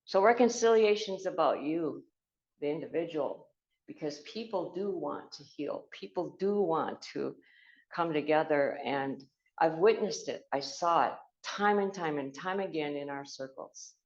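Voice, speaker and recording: Older woman, very low voice, earnest halting storytelling, echoey slightly muffled room. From United States. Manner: earnest, halting, with many fillers and restarts. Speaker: speaker telling a personal story. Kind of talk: reflective spoken storytelling.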